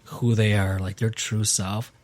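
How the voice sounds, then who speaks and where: A young man co-hosting a casual podcast, emphatic and quick to laugh. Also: lowish voice. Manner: animated, laughs often, emphatic. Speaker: podcast co-host.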